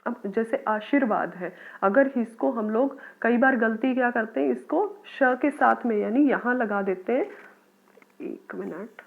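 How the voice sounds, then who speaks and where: A woman's voice: a little high, measured pace, creaky. Teacher woman with tinny audio. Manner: patient, explains step by step, calls listeners "beta". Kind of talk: workbook lesson for children.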